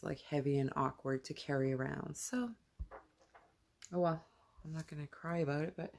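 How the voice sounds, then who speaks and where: Low gravelly-voiced woman vlogging at night. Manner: chatty, rambling, drops to whispers outdoors. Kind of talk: casual late-night vlog. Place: home then outdoors at night by a driveway.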